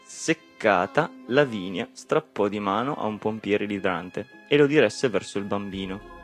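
A man narrating a children's storybook in a lively, expressive reading. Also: lowish voice, measured pace, soft background music. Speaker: audiobook narrator.

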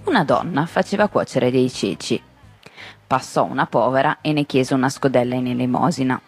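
A woman reading a folk fairy tale aloud, lively and expressive, voicing the characters. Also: a bass voice, moderate pace, soft background music. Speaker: storyteller.

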